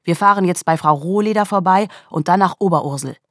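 A woman reading an audiobook, voicing a male chief inspector who speaks in a firm, sharp, commanding way. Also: fairly low pitch, a little fast, no room sound, clean studio sound, close to an everyday voice.

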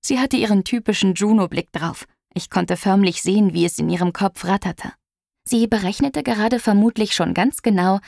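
Gravelly-voiced woman reading a story. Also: medium pitch, a little mellow, no echo, clean studio sound. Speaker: audiobook reader. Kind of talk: scripted audiobook narration.

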